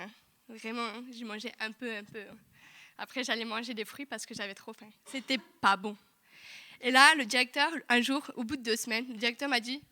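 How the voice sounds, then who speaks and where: Lively young woman giving church testimony. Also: on the high side. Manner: lively, chatty, with frequent asides. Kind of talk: sermon testimony. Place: church hall.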